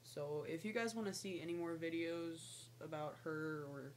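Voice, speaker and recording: A young woman with a low, slightly mellow voice chats to camera at a moderate pace, rambling along and stopping now and then to coo at her pet snake. She's vlogging from a small lamp-lit room at home, and the webcam or laptop mic at arm's length picks up plenty of household noise.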